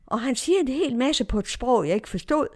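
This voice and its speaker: Woman telling a lively personal story. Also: on the high side. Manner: lively anecdotal telling, quoting others in dialogue. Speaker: churchgoer recounting neighbourhood life.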